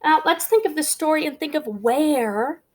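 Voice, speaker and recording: A woman whose voice sits high reads a storybook with young children at a normal speed. Like a teacher running a read-aloud, she keeps asking them simple questions.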